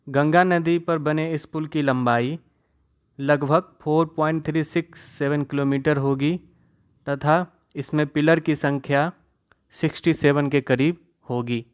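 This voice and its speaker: A man's voice: a little high, clear, resonant tone. A young man teaching an exam-prep quiz lesson, reading each question and its options aloud, then explaining the answer, into his talk. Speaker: current affairs quiz teacher.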